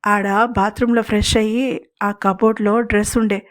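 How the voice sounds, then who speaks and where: A woman's voice: mid-range voice, little pitch movement, moderate pace, close to an everyday voice. Lady playing a mean gang boss, curt threats. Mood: menacing. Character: harsh male gang boss, menacing.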